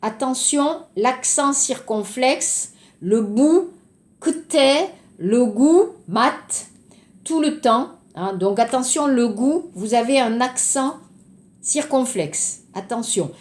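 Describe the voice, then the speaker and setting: Woman, French teacher, slow careful delivery, fairly high voice, echoey room. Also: animated, a little mellow. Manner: slow, explaining word by word. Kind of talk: recorded language lesson.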